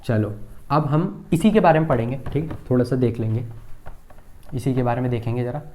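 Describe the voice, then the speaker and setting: A male teacher explains computer basics at a board. His voice is mellow and relaxed, at an ordinary pitch. He keeps quizzing the class and repeating terms to check that everyone follows. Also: fairly quick. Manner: asks questions and repeats key terms with frequent checks.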